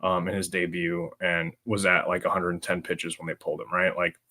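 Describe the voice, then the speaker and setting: A man co-hosting a casual sports podcast, talking in halting bursts with stammered restarts and fillers. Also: deep voice, flat delivery, pushed and bright. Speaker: podcast co-host.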